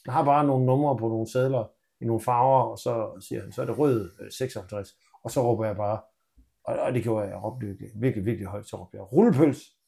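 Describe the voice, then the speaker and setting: A man's voice: fairly low pitch, fairly even intonation, creaky, mellow. A man, co-hosting a podcast in casual banter and telling joking stories. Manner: joking, teasing, playful storytelling. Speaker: podcast co-host.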